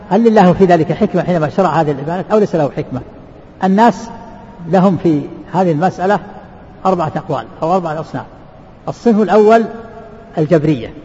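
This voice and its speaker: Sheikh lecturing, very fast, dull muffled recording in a mosque hall with long echo. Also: male voice, high-pitched, a little mellow. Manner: asks rhetorical questions and answers them, repeats words. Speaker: sheikh teaching a book. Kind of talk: lecture explaining a religious text. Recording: reverberant hall, dull lo-fi sound.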